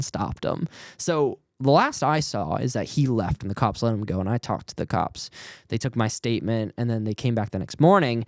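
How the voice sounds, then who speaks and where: A man's voice: lowish voice, no echo, clean studio sound. A young man, a worship leader on a podcast as a guest, telling a story casually and acting out the voices of the people in it. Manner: animated, acts out the quoted voices.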